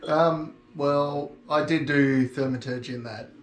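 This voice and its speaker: A man's voice: fairly high pitch, steady tone, measured pace, distant mic, faint music behind. A man playing a tabletop game in a playful, wry way. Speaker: player. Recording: echoey room with faint noise.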